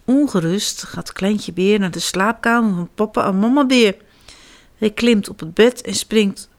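A woman reading picture-book stories aloud to children, addressing them directly in an animated way. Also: medium pitch, measured pace. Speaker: children's storyteller.

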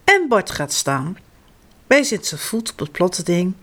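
A woman reading a children's story aloud in a slow, expressive way. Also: lowish voice.

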